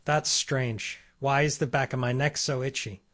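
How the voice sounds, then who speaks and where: Guy reading as a hotheaded young dude from a comic, grumbly and indignant, average pitch. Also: fairly even intonation, moderate pace, fairly bright tone, dry recording, studio quality, close to an everyday voice. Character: young man, brash and quick-tempered.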